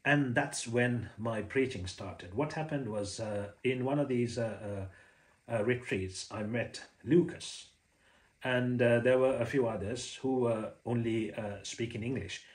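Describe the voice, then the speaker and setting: A former Buddhist preacher in his forties, a native Sinhala speaker with a Sri Lankan accent, talks casually to the camera about Buddhist ideas from an indoor room with a home shrine. His medium-pitched speech is hesitant, full of "uh" fillers and restarts, and he gestures with his hands as he goes.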